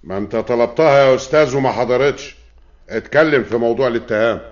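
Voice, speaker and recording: An actor playing a stern, impatient judge in a classic radio drama, speaking Egyptian Arabic. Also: male voice, mid-range voice, fast, lightly acted. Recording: lo-fi old radio recording.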